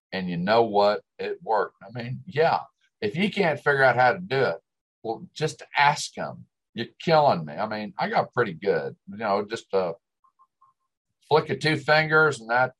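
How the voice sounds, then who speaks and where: A man speaks in a fairly low voice with a West Texas twang. He has a drawl and delivers a scripted, first-person monologue in the manner of a storyteller. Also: low-quality recording. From West Texas, United States.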